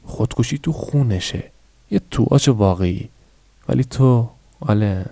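A man's voice: mid-range voice, gravelly, dark tone, no room sound. A man voicing a morbid, doting middle-aged shopkeeper mother in an audiobook reading, with a scolding, matter-of-fact manner. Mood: admiring.

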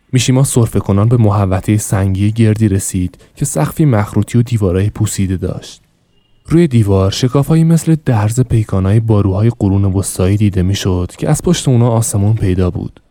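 A man reads a novel aloud as a podcast narrator in an even, measured way. His voice is fairly low and mellow. The recording is dry and close, with no room sound. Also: no echo.

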